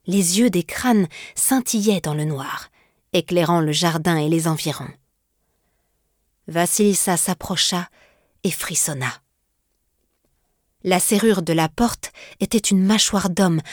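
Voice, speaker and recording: Brief: woman narrating a fairy tale, low pitch, dry recording. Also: no room sound. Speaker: storyteller.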